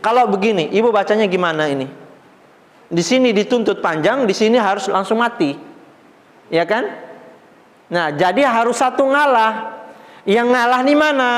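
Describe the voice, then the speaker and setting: A man's voice: high voice, in a large hall. A man teaching an Islamic study class on Arabic grammar, patient and reassuring, with light joking asides as he explains step by step while writing on a board.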